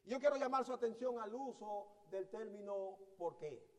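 A man's voice: sits high, expressive, normal speed. A man preaching a sermon in a teaching manner, asking the congregation rhetorical questions and often restarting his sentences. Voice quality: hesitant restarts mid-sentence. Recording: long hall reverb.

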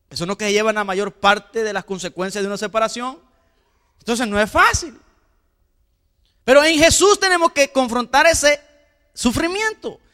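A man's voice: very high-pitched, bright, forceful tone. A man preaching a sermon as pastor, emphatic, asking the congregation rhetorical questions and repeating words. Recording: long hall reverb.

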